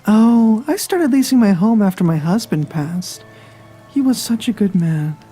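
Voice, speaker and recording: A man voicing the ghost of a frail old woman in a horror story, speaking sweetly and politely in a high, gentle voice. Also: animated, unhurried, husky, faint music behind, heavily acted. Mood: wistful. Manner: sweet, gracious.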